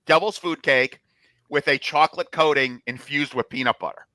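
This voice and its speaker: A man's voice: fairly high pitch, normal speed, bright, forceful tone, no room sound. A man with a New Jersey accent, co-hosting a casual sports podcast with chatty, joking asides. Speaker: podcast co-host.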